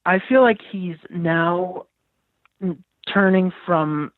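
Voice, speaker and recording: A teenage guy phoning in on a thin, tinny line that sounds boxy and dry, his voice a bit high for a man. He talks earnestly and at length, hunting for the right words as he goes. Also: extremely slow, no echo. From New York, USA. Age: teens. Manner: earnest, wordy, searching for words. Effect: heard over the phone. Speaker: caller. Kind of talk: casual call-in talk. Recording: tinny, breaking-up phone line.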